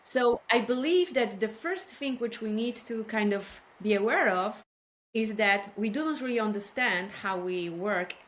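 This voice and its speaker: Lady on a podcast, talks slow and careful, lots of uh's. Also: mid-range voice, fairly bright tone, a little hiss or hum. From Poland. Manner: careful, measured, with many fillers. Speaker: podcast guest, healthcare innovation expert. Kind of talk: casual interview talk.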